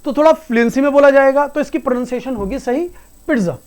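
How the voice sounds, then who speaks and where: High-voiced man teaching English. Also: fairly even intonation, quick pace, a little mellow. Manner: patient, repetitive explaining, calls students "beta". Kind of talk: online class lecture.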